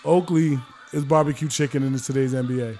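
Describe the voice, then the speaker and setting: A man from New co-hosting a casual podcast, hyping up basketball clips with loud bursts of excitement. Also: mid-range voice, brisk, soft background music. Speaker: podcast co-host. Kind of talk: casual chat.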